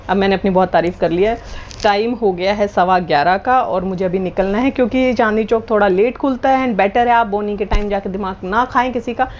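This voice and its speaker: A woman's voice: a little high, a little mellow, lo-fi sound. A woman vlogging at home in casual chat, playful and teasing, switching between Hindi and English. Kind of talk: casual vlog chat to camera. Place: at home indoors.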